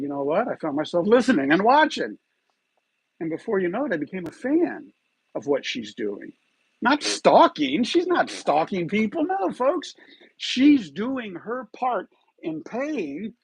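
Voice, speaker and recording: A YouTube channel host delivers a scripted commentary monologue on his own online show, speaking emphatically and rhetorically and repeatedly asking viewers "you feel me there?". His voice sits high and husky, with no room sound.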